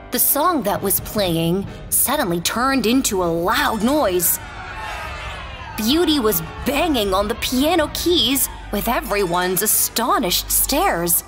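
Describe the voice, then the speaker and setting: A woman narrating a children's fairy tale in a gentle, expressive read-aloud manner. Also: fairly high pitch, slow, long reverb tail, music in the background. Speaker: storyteller.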